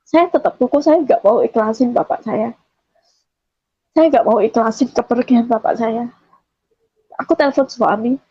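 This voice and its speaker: A woman's voice: on the high side, moderate pace, pauses often, mellow, breathy edge, no echo. A woman from Java giving an earnest personal testimony, often quoting herself as she tells the story. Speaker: testimony giver. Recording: dull, dry recording.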